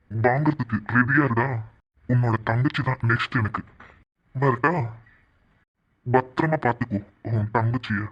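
A man voicing a gloating male villain in a cartoon, taunting his rival with slow, sneering threats. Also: mid-range voice, natural voice. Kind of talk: cartoon voice acting. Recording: dull lo-fi recording.

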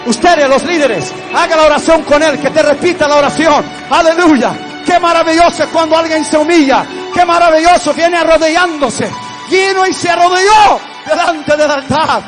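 A man preaching an altar call, pleading with listeners and then praising loudly. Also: very high-pitched, normal speed. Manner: pleading, then exultant and shouting. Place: large church hall. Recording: reverberant hall with music and congregation.

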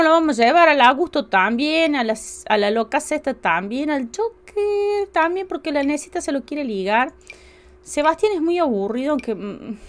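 Chatty Argentine woman streamer. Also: a little high. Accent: Argentine Spanish. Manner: chatty, bursts into loud excited exclamations. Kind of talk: casual live-stream chat while playing. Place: home.

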